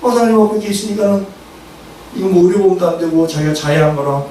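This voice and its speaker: Middle-aged male preacher, high voice, lively storyteller who bursts into shouts, recorded far off in a reverberant hall. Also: fast talker. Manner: animated storytelling, acts out quarrels with sudden shouts. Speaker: seminary professor preaching. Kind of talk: sermon with acted anecdotes. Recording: echoey hall, far from the mic, faint noise.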